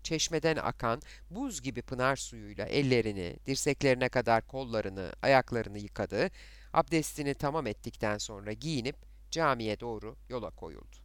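A man narrating a novel in a dramatic, expressive storytelling manner. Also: medium pitch, moderate pace, clear, resonant tone, no room sound.

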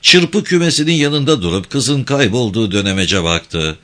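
A man narrating a literary story as an audiobook, expressive, and voicing each character himself. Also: medium pitch, moderate pace.

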